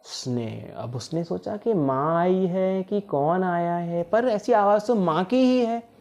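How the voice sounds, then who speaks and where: A man telling a fable to children in an animated way, often asking the listeners questions. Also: sits high, slow. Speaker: motivational speaker. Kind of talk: storytelling for children.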